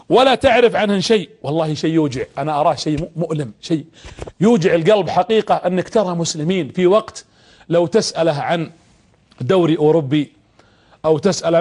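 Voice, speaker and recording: A man gives a televised religious talk from a studio. His voice sits high and he talks fast. He repeats key words for emphasis and keeps turning to the audience with questions. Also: a little mellow. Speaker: preacher.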